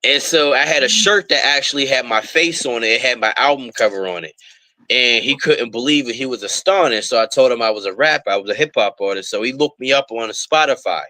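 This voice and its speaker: Bright-voiced rapper telling stories. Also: male voice, mid-range voice, fairly quick, no echo, rough recording. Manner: rambling storyteller with many fillers. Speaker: rapper and guest. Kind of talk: casual interview chat.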